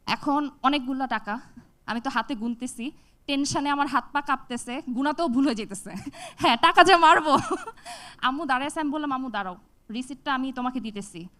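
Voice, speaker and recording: A young woman from Bangladesh giving a talk on stage, telling a personal story with lively acted-out dialogue. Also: high voice, a little fast. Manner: animated, acts out dialogue with shifts in voice. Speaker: TEDx speaker.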